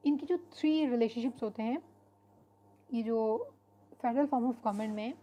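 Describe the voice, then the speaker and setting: A woman teaching an online class. Her voice sits fairly high yet sounds mellow and warm. She explains in an unhurried way and pauses on fillers. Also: highs cut off. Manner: explanatory, mixes English terms into Hindi-Urdu, frequent fillers. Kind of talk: online lecture.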